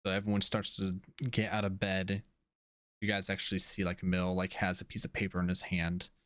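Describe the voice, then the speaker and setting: A man's voice: sits low, monotone, a little fast, a bit bright, dry recording. A man running a tabletop game as game master, narrating casually with lots of fillers.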